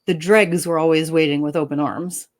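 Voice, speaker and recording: A woman author reading her own story aloud and then chatting with her co-host, expressive and upbeat and quick to laugh. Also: low-pitched. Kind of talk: dramatic story reading and casual chat.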